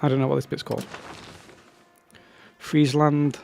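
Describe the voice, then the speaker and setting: A man's voice: mid-range voice, normal speed, darkish tone, faint music behind. A man casually commenting on his own strategy game, rambling and breaking off into chatty asides.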